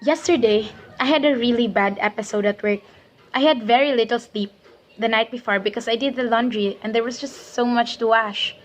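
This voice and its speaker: A woman's voice: on the high side, normal speed, natural voice. A woman playing a tired Filipino immigrant mother who works long shifts at a shop counter, speaking with a Filipino accent in a weary, wistful tone. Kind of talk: student dramatic reading.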